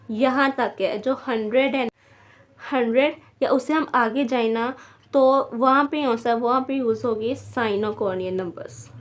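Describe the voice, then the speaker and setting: Slow, patient woman teaching a lesson. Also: fairly high pitch. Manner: patient, repeats each word slowly, checks in with "theek hai". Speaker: language teacher. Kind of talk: beginner language lesson.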